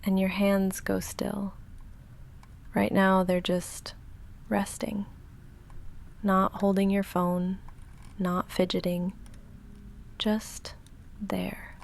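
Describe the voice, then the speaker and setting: Tender and hushed, a woman with a creaky mid-range voice and little pitch movement voices a goth vampire roommate in an intimate ASMR roleplay. She speaks softly and haltingly, guarded and dry yet quietly affectionate, frequently slipping into a near-whisper.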